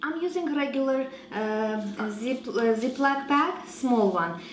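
A woman in her thirties hosting a home cooking show, giving slow, relaxed instructions with frequent fillers while she works. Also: high voice, reverberant, a little hiss or hum, rough recording. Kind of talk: cooking demonstration. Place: large home kitchen.

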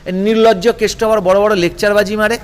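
A man's voice: high-pitched, fairly even intonation, fast, smooth, in a large hall. A man giving a heated political interview, combative and rhetorical, firing off grievances in bursts. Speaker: political guest.

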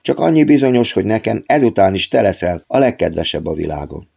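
A man's voice: lowish voice, very animated, creaky, a little mellow, breathy edge, exaggerated voice. A man reading an audiobook, voicing a flustered young man making half-hearted promises. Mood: awkward.

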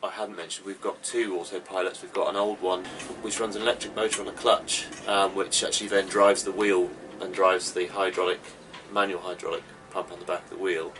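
Speaking fairly quickly with few pauses, a low-pitched man keeps his intonation mostly level as he explains his sailboat's cabin gear. He's in his thirties, practical and plain-spoken, touring the cramped interior. The mic is slightly distant, with faint background noise.

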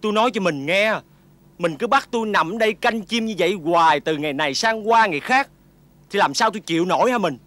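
An actor playing a lazy, greedy farmer husband who whines and complains. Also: male voice, high-pitched, a little fast, a bit bright, no echo. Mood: grumbling. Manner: whiny, grumbling and complaining. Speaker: greedy farmer husband in a folk-tale film. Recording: noisy old film soundtrack.

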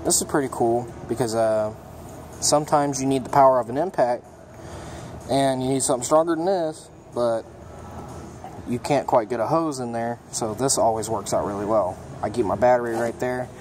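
This is a young male mechanic speaking at a normal pace in a mid-range voice, showing off his toolbox in an easygoing vlog. He holds his phone and films from his own point of view inside a busy repair shop, where an air conditioner hums under the clatter. His delivery is plainspoken and loose, with lots of ums and uhs.

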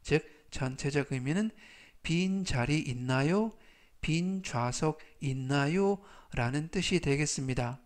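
A man's voice: on the high side, expressive, slow pace. A man speaking Korean with a Korean accent, giving an English vocabulary lesson. He repeats each word three times, then explains it in set phrases. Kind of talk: slow, methodical vocabulary lesson.

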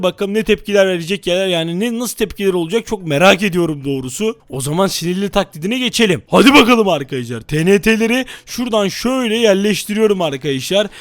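A gaming YouTuber man who shouts and blusters in a role-play and turns to chat with viewers in asides. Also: high voice, no room sound. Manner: shouty, blustering when acting angry; chummy asides to viewers. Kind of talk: Minecraft role-play with commentary.

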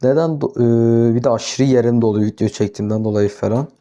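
A man's voice: mid-range voice, fairly quick. Exasperated young man narrating his gameplay. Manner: talks to himself, flares into exasperated yelling at the animals. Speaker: gaming YouTuber. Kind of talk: casual Minecraft let's-play commentary.

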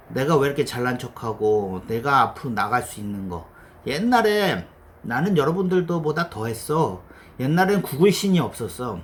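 A middle-aged man lectures aspiring developers in a blunt, teasing way, swearing casually and slipping into little acted-out quotes. His pitch swings about a lot. A faint hum sits under the voice. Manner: voices his past self and others in quoted asides. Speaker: developer giving career advice.

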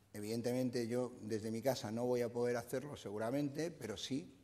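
An older man lectures to a room, talking in a mellow, dark voice and filling his pauses with "eh". His speech rings with the long reverb of a lecture hall. He is recorded on a lapel mic. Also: medium pitch. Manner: explanatory, frequent "eh" fillers and restarts. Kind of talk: conference talk.

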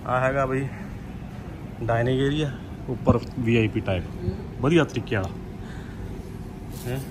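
A man in his thirties hosts a food vlog on a phone, talking straight to his viewers in a joking, lively way. His voice sits in a middle pitch. Street and car noise runs clearly underneath. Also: unhurried. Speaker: food vlogger host. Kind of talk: casual food vlog chat. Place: car in city traffic, then restaurant. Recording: noisy street and car sound.

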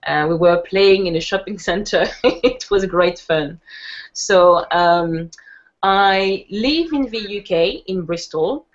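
This webinar presenter is a woman from France whose voice sits on the low side and moves slowly. Speaking with a French accent, she chats casually, laughing easily and filling her talk with fillers and restarts. The online call audio sounds muffled.

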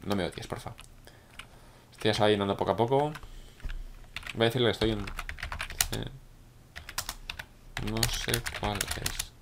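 A man from with a hoarse voice, chatting excitedly to viewers while commentating his own gameplay. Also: lowish voice, a little slow, pauses often, noisy background. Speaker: gaming YouTuber.

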